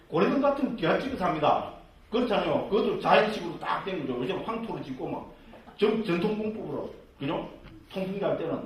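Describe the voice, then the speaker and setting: A man who teaches Buddhist scripture as a monk, in a jokey, conversational way that is full of tag questions. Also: high voice. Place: lecture room with a live audience. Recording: echoey room from far off, faint hiss.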